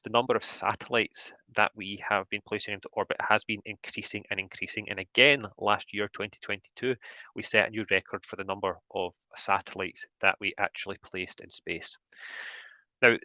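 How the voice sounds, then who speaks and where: A man's voice: on the low side, moderate pace, bright, forceful tone, dry recording. A man with a broad Scottish accent presenting an academic webinar as a guest lecturer, slightly hesitant and repeating words. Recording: dull, lo-fi online call audio.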